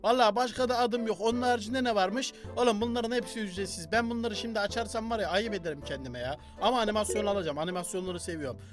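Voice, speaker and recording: A young man doing loud, joking gameplay commentary and talking back to the game characters as he plays. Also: sits high, fast talker, few pauses, over music. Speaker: gaming YouTuber.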